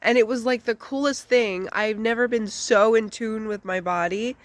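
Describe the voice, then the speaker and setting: Still stuffy from a recent flu, a woman shares a casual, candid life update with her channel, chatting with lots of filler words. Her voice sits on the high side at a moderate pace, with no echo.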